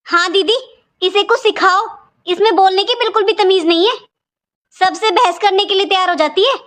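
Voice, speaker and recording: A woman's voice: extremely high pitch, moderate pace, fairly bright tone. A woman voicing a stingy, scolding aunt by marriage in a cartoon, with a taunting, complaining manner. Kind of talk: cartoon voice acting.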